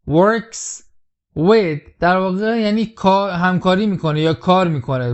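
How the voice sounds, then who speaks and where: A man with a fairly high voice teaches English in a patient, explaining tone, and he says the key phrases slowly and carefully. The recording sounds a little dull and lo-fi. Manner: repeats English lines slowly, then explains them. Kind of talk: explaining film lines in a language lesson.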